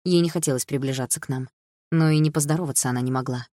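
A woman reading a first-person audiobook narration in an even, subdued manner. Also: a bass voice, quick pace, dry recording, studio quality. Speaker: audiobook reader.

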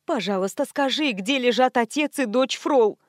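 A woman's voice: a little high, normal speed, dry recording, close to an everyday voice. Scared pleading mother, half-whispering, played by a woman reader, dry close read. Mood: fearful. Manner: fearful, pleading, often whispering. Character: frightened pleading mother, middle-aged.

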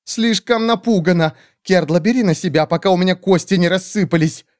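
A man reading an audiobook, voicing a tiny skeletal female dragon-bird, greedy and cowardly, in a shrill squawk. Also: a little fast, dry recording, studio quality, natural voice. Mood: whining.

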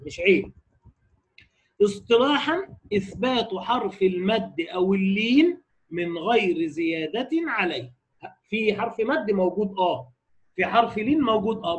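A man with an Egyptian Arabic accent giving a lecture on tajweed rules, slowing down to recite quoted lines and putting rhetorical questions to his class. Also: high-pitched. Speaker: Quran recitation teacher.

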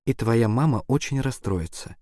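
A man's voice: medium pitch, animated, moderate pace, dark tone, no echo, studio quality, close to an everyday voice. A man voicing a bossy teenage girl who orders others around with exasperation, in an audiobook. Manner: commanding, exasperated.

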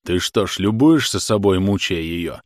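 A man voicing a gruff young workman who talks in a blunt, sardonic, teasing way. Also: low voice, lively intonation, moderate pace, a little mellow, dry recording, clean studio sound. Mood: scolding.

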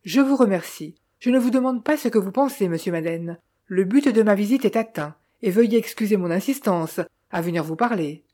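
Fields: Figure: woman reading as an elderly lady doctor. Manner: courteous, measured. Tone: mellow. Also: mid-range voice, animated, close to an everyday voice. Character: elderly woman doctor, kind but insistent.

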